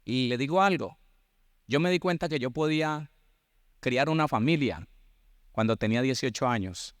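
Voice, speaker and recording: A man in his sixties with a Colombian accent, preaching a sermon that retells personal stories in an animated way, with repetition and acted-out dialogue. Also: medium pitch, normal speed, no echo, studio quality. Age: 60s. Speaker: pastor.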